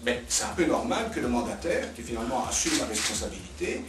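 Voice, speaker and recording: Quick and sing-song, a man with a mid-range voice weighs in unscripted as a guest expert during a round-table political debate, explaining points didactically with repeated words for emphasis. The roomy indoor cafeteria sounds echoey, the mic is distant, and music and background noise come through.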